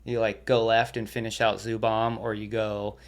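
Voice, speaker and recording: A young man sits in as a podcast guest and tells his stories in a relaxed, rambling way. He swears freely and laughs between the stories, and his voice sits a little low. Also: moderate pace. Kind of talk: casual storytelling.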